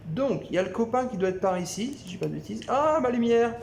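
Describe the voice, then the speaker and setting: Excited man narrating his gameplay. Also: extremely high pitch, fast talker, gravelly, a little hiss or hum. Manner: thinks aloud, excited exclamations. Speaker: gameplay video host. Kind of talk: live gameplay commentary. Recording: echoey room with game music.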